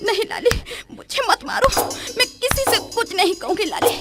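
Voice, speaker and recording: Scared young bride, begging and teary, high voice, music behind. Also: female voice, animated, normal speed. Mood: pleading. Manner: pleading, tearful. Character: meek, abused young daughter-in-law, timid. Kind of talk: rural Hindi film acting.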